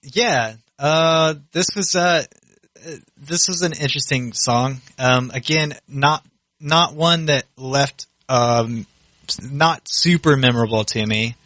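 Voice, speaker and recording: A man's voice: medium pitch, slow, a bit bright, dry recording. A man co-hosting a podcast in casual chat, hesitant and full of fillers, swearing often. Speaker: podcast co-host.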